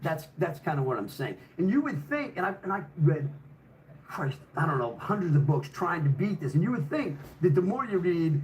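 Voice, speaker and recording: A man's voice: fairly high pitch, very animated, normal speed, a little mellow, slight background noise, poor audio. An older man telling a personal story in a casual, rambling way, swearing heavily and restarting sentences.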